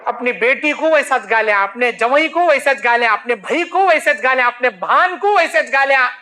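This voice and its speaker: A man's voice: very high voice, animated, moderate pace, pushed and bright. A male preacher giving an emphatic, repetitive sermon and acting out the people he talks about.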